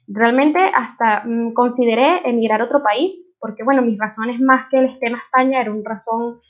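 A Venezuelan woman with a fairly high voice, talking to listeners in an earnest, personal, conversational way. She has a Venezuelan Spanish accent. The recording is somewhat dull and lo-fi. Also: normal speed. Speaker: podcast host. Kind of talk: podcast introduction monologue.

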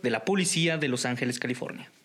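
A man's voice: medium pitch, fast talker, a bit bright. A man with a Mexican Spanish accent hosting a casual podcast chat, talking with frequent fillers and restarts. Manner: hesitant, many fillers and restarts. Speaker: podcast host.

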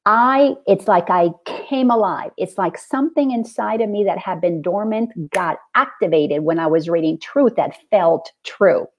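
A middle-aged woman from the Dominican Republic, hosting a spiritual conversation and telling her story with earnest, animated feeling. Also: medium pitch, measured pace, few pauses, highs cut off, a little hiss or hum.

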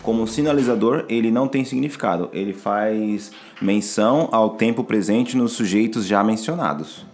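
A man's voice: fairly low pitch, moderate pace, darkish tone, soft background music. A man, an English teacher patiently explaining grammar on a podcast, often restarting his sentences.

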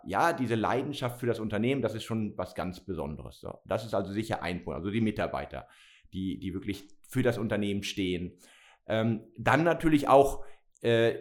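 A middle-aged man from Spain, a company CEO, answering interview questions with many fillers and restarts. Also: fairly low pitch. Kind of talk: interview conversation.

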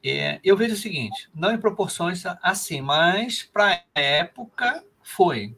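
A man's voice: sits high, big pitch swings, slow, vocal fry, pushed and bright, a little hiss or hum. A man with a Brazilian Portuguese accent hosting a live podcast, chatting loosely and reading out listener messages. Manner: rambling, reads out listener chat. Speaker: podcast host. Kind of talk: casual live podcast chat.

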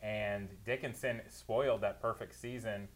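A man's voice: on the low side, fairly even intonation, measured pace. A man working as a producer and analyst, giving detailed, opinionated recaps of football games on a talk show. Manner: detailed play-by-play recaps, opinionated, laughs easily.

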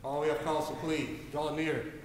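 A man delivers a ceremonial proclamation like a town crier, calling out in drawn-out phrases. His voice is fairly high. It rings through a very echoey hall with clear background noise. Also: steady tone. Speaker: court marshal opening the session.

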